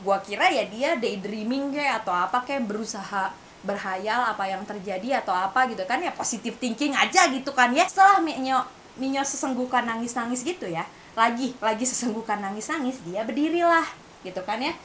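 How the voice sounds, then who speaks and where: Young indonesian woman, kinda high voice, animated casual story to camera, little hiss in the background. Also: a little fast. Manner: mixes in English phrases, refers to herself by name, animated retelling. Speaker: vlogger. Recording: faint hiss.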